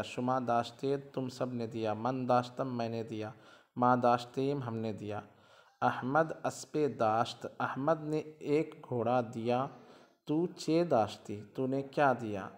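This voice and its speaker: A man with an Indian Urdu accent teaching a grammar lesson, patiently explaining and repeating each form with its translation. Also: medium pitch.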